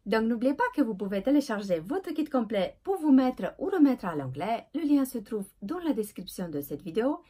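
Woman, English teacher on a lesson video, slightly high and husky, animated delivery, keeps checking in with the viewer. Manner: switches between French explanation and English examples, frequent "ok?" and "voilà"; slow, drawn-out model pronunciations. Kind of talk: language lesson.

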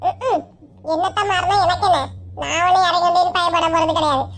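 Bossy, taunting young husband with a Kanyakumari Tamil accent, voiced by a woman, high and quick. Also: steady tone. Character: hot-tempered young husband.

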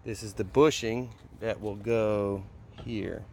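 Speaking slowly in a lowish, steady, slightly mellow voice, a man walks viewers through his pressure washing build step by step using casual wording. He's outside on a concrete patio, recorded by a handheld phone behind the camera that adds a little hiss or hum.

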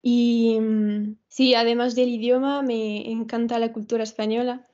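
A young Frenchwoman in her twenties, a dancer, is interviewed as a guest over a video call from a small bedroom with photos on the wall. She speaks softly in a slightly high, level voice, haltingly and with fillers, and the call audio sounds dull.

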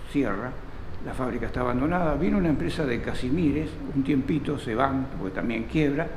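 An older Italian-born local historian with a gravelly, mid-range voice tells stories in an interview, animated and speaking straight to the listener. He's in a small indoor room with an air conditioner, recorded by a camera close in front, with echo and faint noise.

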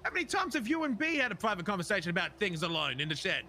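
A man's voice: high-pitched, very animated, rapid-fire, pushed and bright. A man in improvised game role-play, arguing in an aggrieved, sweary way as he defends himself. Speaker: role-play gamer playing a biker club member.

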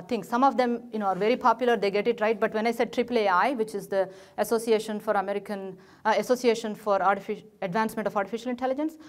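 In front of a projected slide in a lecture room, a middle-aged Indian English–accented woman delivers a technical talk at medium pitch. Her speech is full of fillers and restarts as she gestures toward the slides.

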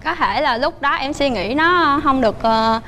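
A woman's voice: high voice, lively intonation, normal speed, bright, forceful tone, a little hiss or hum. A woman in her twenties from Dong Thap, a dating show contestant, speaking hesitantly with many fillers. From Dong Thap, Vietnam. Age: 20s. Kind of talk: casual TV conversation. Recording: TV studio with music.

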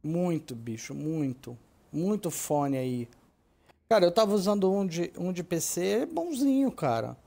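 High-pitched Brazilian man chatting casually. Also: big pitch swings, unhurried, gravelly, mellow. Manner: informal, slangy. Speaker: gaming streamer. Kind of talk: casual chat while gaming. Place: indoor room at home.

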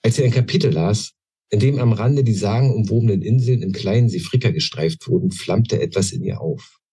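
A man, an author, reading aloud from his own novel in a measured, deliberate way, then talking about his characters. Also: fairly low pitch, mellow, husky.

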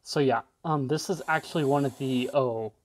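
Speaking at normal speed in a mid-range voice, a man demos a device for his tech videos, keeping it loose and unscripted. He wanders a little and lets thoughts trail off partway through.

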